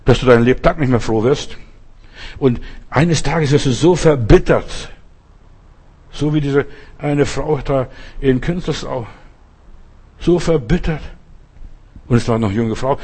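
A man's voice: a little high, a little mellow, husky. A man preaching a sermon, emphatic and earnest, sometimes crying out when he voices quoted lines. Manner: emphatic, rises sharply for quoted cries.

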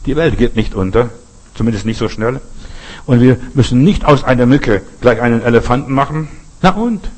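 A man's voice: medium pitch, brisk, a little mellow, low-quality recording. An older man preaching a sermon, who speaks straight to the listener and drives his points home through emphatic repetition. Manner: addresses listener directly with repeated "weißt du".

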